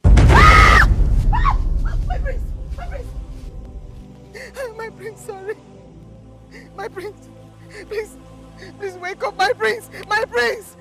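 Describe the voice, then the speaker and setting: A woman playing a grief-crazed young woman in a film drama, wailing and pleading in a Nigerian accent. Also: high-pitched. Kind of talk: melodramatic film acting.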